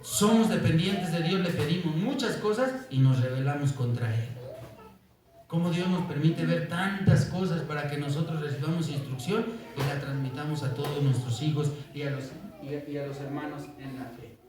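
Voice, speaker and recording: A male pastor preaching in a fairly high voice. He tells stories with animation, acts out the voices in them and keeps checking in with his congregation. He is heard from some distance in a strongly echoing church. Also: normal speed. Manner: animated storytelling, acts out quoted voices, asks "¿verdad?" often. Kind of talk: sermon. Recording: echoey church, voice from off-mic.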